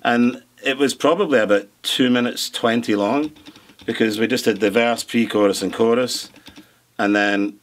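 A man's voice: mid-range voice, fairly even intonation, moderate pace. A middle-aged man, a producer and songwriter, chatting in an interview, rambling with lots of restarts and fillers. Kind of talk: relaxed interview chat.

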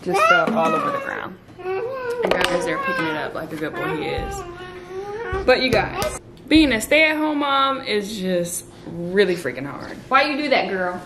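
A woman's voice: high-pitched, big pitch swings, measured pace, background noise. A woman, a stay-at-home mom, chatting candidly to camera in her home kitchen with lots of slang and laughter. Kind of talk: casual vlog chat to camera.

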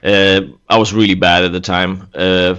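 A man in his thirties from Latvia, a guest artist chatting casually in an interview, relaxed and laughing easily. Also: sits low, normal speed, smooth, muffled recording. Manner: relaxed, laughs easily, speaks in loose restarts. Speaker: guest, senior environment artist.

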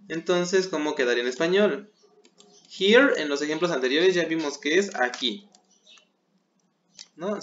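Slow, bright-voiced man teaching. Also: a little high, lo-fi sound, slight background noise. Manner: patient, keeps checking with "¿sale?". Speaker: English teacher. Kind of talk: online class explaining English words.

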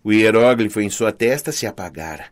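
A man with a Brazilian Portuguese accent narrating a first-person fantasy audiobook in a dramatic, expressive reading. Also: fairly low pitch, a little fast.

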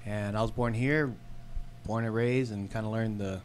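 A man in his thirties, a podcast guest from San Diego, talking about his life in a relaxed, unhurried way with fillers, into a studio mic. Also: on the low side, slight background noise. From San Diego, California. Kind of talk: casual podcast chat. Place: small studio with red curtains. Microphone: studio mic on boom arm, headphones.

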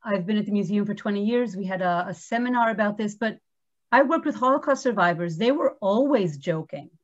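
A woman's voice: mid-range voice, lively intonation, fairly quick. Woman moderator with a slight lisp. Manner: reads audience questions aloud. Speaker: museum staff moderator. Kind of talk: moderating a virtual lecture Q&A. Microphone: video call. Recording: slightly dull lo-fi audio.

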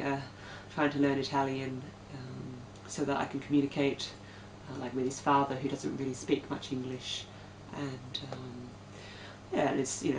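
A woman's voice: low-pitched, a little mellow, a little hiss or hum. A young woman from Australia chatting to her camera at home, hesitant and full of ums. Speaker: vlogger. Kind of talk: casual chat to camera. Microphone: camera mic. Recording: echoey room, mic at a distance.

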